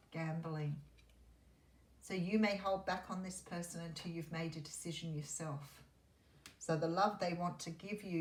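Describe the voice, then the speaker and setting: A woman giving a mystical tarot horoscope reading, speaking in an intuitive, musing way with pauses as she works through the cards. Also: on the low side. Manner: intuitive, musing, pausing as cards are turned. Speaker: tarot reader. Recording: roomy echo, faint background noise.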